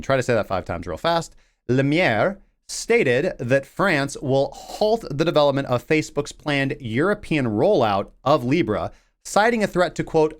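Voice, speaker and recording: A young man reads crypto headlines on his livestream and keeps breaking off into sarcastic jokes and mock voices. His pitch swings widely from line to line, and his middle-range voice stays lively throughout. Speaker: crypto news show host. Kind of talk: livestreamed news commentary.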